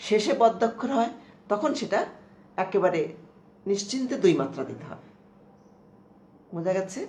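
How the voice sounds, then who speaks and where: A woman's voice: medium pitch, darkish tone. Woman lecturing in an echoey room. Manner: slow, explanatory, repeats terms and asks checking questions. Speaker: teacher. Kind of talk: lecture on Bengali prosody. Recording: echoey room with faint noise.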